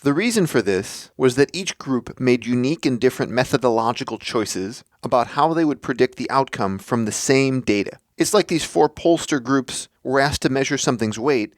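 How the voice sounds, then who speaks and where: A man hosting a podcast, delivering a scripted explanatory monologue in a measured, deliberate way. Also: mid-range voice, animated, dry recording, clean studio sound. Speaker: podcast host.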